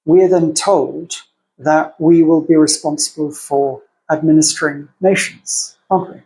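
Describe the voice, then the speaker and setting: A co-host chatting casually about theology on a podcast, voice sitting at an everyday middle pitch. The delivery wanders and thinks aloud, often stepping into the voices of opposing arguments. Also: fairly even intonation, a little slow, warm tone, low-quality recording.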